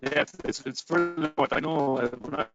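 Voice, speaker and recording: A man hosting a webinar over an online call from a training room, talking casually and haltingly with many fillers, his audio choppy and breaking up. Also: fairly high pitch, highs cut off, over music. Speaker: webinar host. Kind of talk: casual presentation chat.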